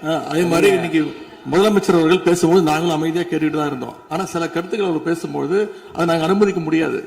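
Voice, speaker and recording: Fast, gravelly man in an echoing hall. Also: on the high side, darkish tone. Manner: quick, indignant and challenging. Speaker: opposition legislator. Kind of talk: assembly remarks. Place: legislative assembly hall. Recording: reverberant hall, faint noise.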